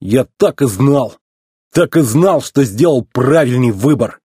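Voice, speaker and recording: A man voicing a goofy, boastful old tow truck in a storybook reading, with a husky, sing-song teasing drawl. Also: mid-range voice, lively intonation, measured pace, mellow, no room sound, studio quality. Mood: cheerful.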